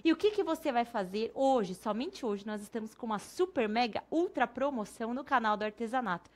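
A Brazilian woman hosts a craft class in a bright, fairly high voice. Her pitch leaps around as she jokes with her helper. She then slides into a hyped sales pitch. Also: animated, brisk. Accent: Brazilian Portuguese. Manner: playful, chatty, hyped promo delivery. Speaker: craft teacher and host.

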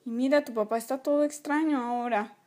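A woman voicing a gentle, worried toy mother who speaks softly and soothingly in a toy play video. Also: sits high, steady tone, brisk, natural voice. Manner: soft, soothing, apologetic.

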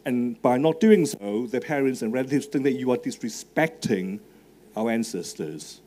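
This middle-aged native Cantonese speaker has a Hong Kong English accent and a medium-pitched, mellow voice with lively intonation at a moderate pace. Holding a handheld mic on the stage of a large marquee tent, he gives a live talk to students, chatting with fillers and asking them questions over slight background noise.

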